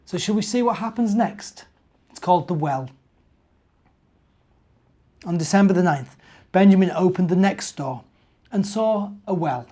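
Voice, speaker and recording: A middle-aged British man, a church minister and storyteller, chats with young children, telling stories with simple explanations and questions. His high, mellow voice is expressive and unhurried, with long pauses.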